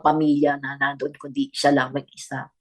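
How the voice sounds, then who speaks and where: A woman's voice: rumbling low, flat delivery, moderate pace. An older woman, a grandmother, giving a personal testimony in a radio interview with earnest storytelling. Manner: earnest storytelling, mixing Tagalog and English. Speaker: guest grandmother.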